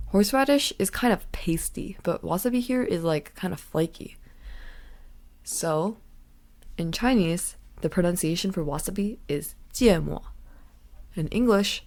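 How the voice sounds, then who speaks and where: A woman's voice: on the low side, a little mellow. A woman hosting a casual language lesson podcast, explaining in a chatty way with fillers and asides. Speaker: podcast host.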